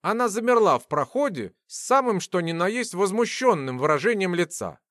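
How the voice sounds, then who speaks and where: Man reading a fantasy audiobook, higher voice, super dry close sound. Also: moderate pace, no room sound. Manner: expressive storytelling. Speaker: audiobook narrator. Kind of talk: scripted fantasy narration.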